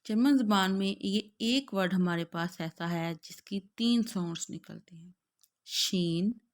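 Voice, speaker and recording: Pakistani-accented woman, language teacher, slow deliberate delivery, repeats each word twice, mid-pitched voice. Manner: drawn-out, carefully spelled-out words, glossing each in Urdu.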